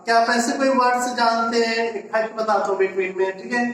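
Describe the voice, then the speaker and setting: A male teacher with an Indian accent gives a grammar lesson, mixing Hindi and English, with deliberate explanations and rhetorical questions. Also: very high voice, level tone, a bit bright. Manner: mixes Hindi and English, repeats "ठीक है" often. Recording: very echoey room, voice from a distance.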